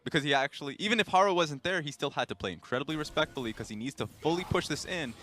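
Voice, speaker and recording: A man's voice: on the high side, racing, sharp tone, a little hiss or hum. A man doing color commentary on a live esports match, analytical and explaining plays at length.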